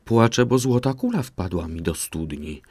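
A man voicing a spoiled, flighty young princess in a fairy tale reading, pitching his voice high and pleading. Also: lively intonation, moderate pace, darkish tone, slightly rough, no room sound, clean studio sound. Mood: tearful. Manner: high, pleading then dismissive girlish tone.

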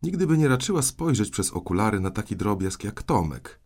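Male audiobook narrator, deep tone, lively varied intonation. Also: brisk, gravelly. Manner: expressive storytelling. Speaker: audiobook reader.

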